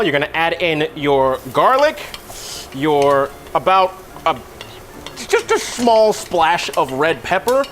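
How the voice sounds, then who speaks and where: A man's voice: a little high, a bit bright, a little hiss or hum. A man hosting a casual cooking tutorial in an offhand, self-deprecating, rambling way with trailing asides. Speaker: cooking show host.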